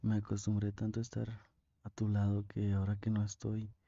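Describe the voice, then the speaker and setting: A young man with a Mexican accent playing a tender, lovesick boyfriend on a call in an ASMR role-play, speaking intimately with pauses. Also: fairly low pitch, monotone, creaky, dark tone, no echo, lo-fi sound. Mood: longing. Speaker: ASMR performer.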